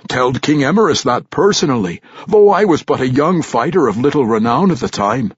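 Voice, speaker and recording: A man voicing a gruff old male dwarf veteran with a put-on Scottish-style brogue, blunt and scolding. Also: mid-range voice, very animated, brisk, no room sound, lo-fi sound, pitched above the performer's own voice. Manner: scolding, plain-spoken.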